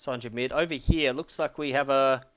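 A man's voice: mid-range voice, fairly even intonation, normal speed, smooth, muffled recording. A man co-commentating a game, thoughtful and analytical, hedging his reads. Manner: thoughtful, analytical, hedges with "I reckon". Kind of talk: casual co-commentary.

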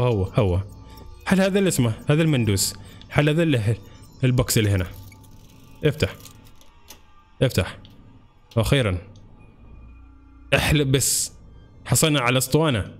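A young man commentating his horror game play to viewers, excitable and chatty. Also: mid-range voice. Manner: excitable, talks to viewers as brothers. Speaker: gaming channel host.

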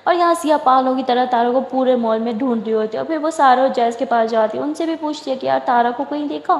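A woman narrating a dramatic romance story and acting out the characters' lines with shifting pitch. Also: fast talker, roomy sound, big-room sound.

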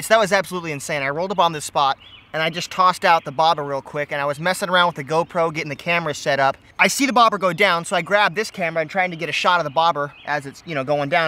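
A young man vlogging a fishing trip outdoors, talking in an animated way and exclaiming often. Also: a little high, fast. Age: young adult. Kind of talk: excited outdoor vlog commentary. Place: outdoors by a river and creek. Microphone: action camera on the body and at arm's length. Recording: faint outdoor noise from an action camera.

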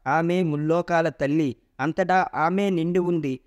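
A wise old creator god from a myth retelling, steady and authoritative as he consoles, read by a man with a fairly high voice. He lays out fate with measured calm. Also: close to an everyday voice. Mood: consoling.

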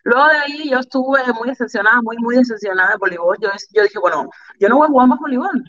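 Speaking fast in a fairly high voice, a volleyball player from Cuba candidly recounts her life as an interview guest, animated and repeating phrases to drive her points home. She has a Cuban Spanish accent. The audio has its highs cut off.

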